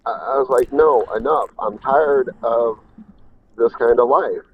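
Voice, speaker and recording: Halting male caller on a dull line. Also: medium pitch, a little hiss or hum. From Illinois. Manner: halting, hesitant, repeats words. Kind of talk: phone-in conversation.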